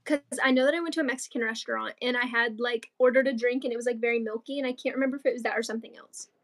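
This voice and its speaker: A woman's voice: on the high side, fairly even intonation, very fast, a bit bright. A teenage girl co-hosting a crafting livestream, chatting casually and rambling with lots of fillers. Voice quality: chatty, rambling with many likes and ums. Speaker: co-host of a crochet livestream.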